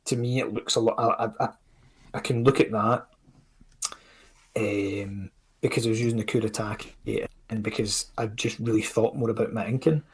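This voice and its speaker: A Scottish comics creator chatting casually as a podcast guest, rambling and self-critical, with lots of fillers. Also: male voice, lowish voice, fairly even intonation, normal speed, breathy edge. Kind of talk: casual chat.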